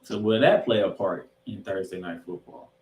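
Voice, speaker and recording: This sports podcast co-host has a low, slightly mellow voice and talks at normal speed. Previewing games with emphasis, he asks questions and repeats phrases for effect, and the sound echoes as if in a large room.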